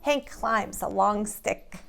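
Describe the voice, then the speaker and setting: A preschool teacher talks to young children in simple, guiding phrases, as if reading a picture book aloud expressively or leading a drawing lesson. Her voice is medium-pitched and creaky, and she takes her time.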